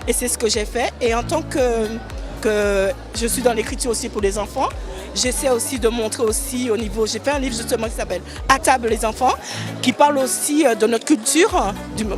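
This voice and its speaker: A woman's voice: a little high, brisk, over music. A woman fashion designer and children's author, answering at length with many hesitations and fillers. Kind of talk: interview at a fashion show.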